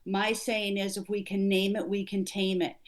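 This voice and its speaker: A woman's voice: medium pitch, level tone, moderate pace. A middle-aged woman, an executive coach, speaking earnestly and emphatically as an interview guest. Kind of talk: conversational interview.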